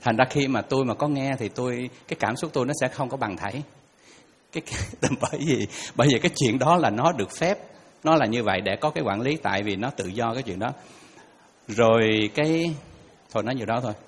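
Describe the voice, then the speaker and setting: A man's voice: medium pitch, quick pace, husky. Hesitant man in an echoing hall. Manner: hesitant, apologetic, many fillers. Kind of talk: casual anecdote in a talk. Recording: reverberant hall with faint noise.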